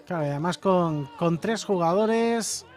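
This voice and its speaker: A man's voice: high voice, unhurried, a little mellow. A man giving live play-by-play commentary on a beach soccer match. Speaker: sports commentator.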